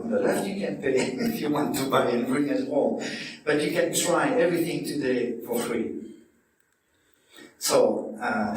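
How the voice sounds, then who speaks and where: A man from Belgium with a French accent, a nutrition coach giving a friendly, halting talk to a club audience. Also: mid-range voice, slight background noise. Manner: friendly, hesitant, with many fillers. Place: hotel function room. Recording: echoey room, distant mic.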